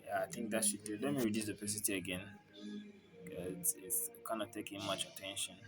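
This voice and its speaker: Flat-voiced man narrating a design tutorial. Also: fairly low pitch, fairly quick, over music, rough recording. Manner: narrates each step plainly while working, thinking aloud. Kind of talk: screen-recorded design tutorial.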